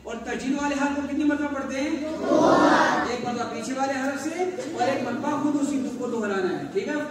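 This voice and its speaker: High-voiced male teacher chanting letters. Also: a loud crowd. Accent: Pakistani Urdu. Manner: spells out letters and chants verses slowly, quizzes pupils by name. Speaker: Quran recitation teacher. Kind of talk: classroom lesson with recitation. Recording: echoey distant room with noise.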